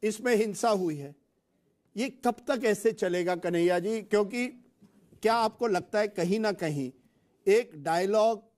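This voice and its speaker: A man's voice: sits high, measured pace, a little mellow. A man moderating a heated TV debate, repeatedly cutting in to restore order and mixing Hindi with English.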